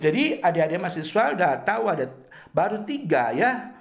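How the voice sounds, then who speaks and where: A middle-aged man lecturing university students on English grammar, repeating each example slowly and drilling them one by one. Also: high-pitched, big pitch swings, gravelly.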